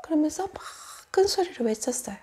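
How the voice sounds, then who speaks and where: Lively woman children's pastor telling a story. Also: sits high, fairly quick. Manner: storytelling, often dropping into hushed whispers; asks the children questions. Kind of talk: Sunday school sermon for children.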